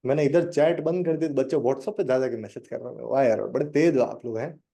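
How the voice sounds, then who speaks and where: Chatty young male drawing teacher, mellow voice. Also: mid-range voice, a little fast, creaky. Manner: chatty, addresses students directly and jokes. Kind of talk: live online drawing lesson.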